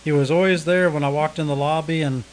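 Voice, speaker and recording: A man's voice: on the high side, steady tone, quick pace, low-quality recording. A man co-hosting a morning farm radio show, laid-back with dry, wry remarks. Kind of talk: casual on-air chat. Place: radio studio.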